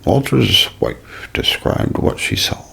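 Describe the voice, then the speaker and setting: A man performs a dramatic, scripted ASMR mystery narration, shaping his lines like a storyteller. The gravelly, husky voice often falls toward a whisper, yet its tone is bright and forceful.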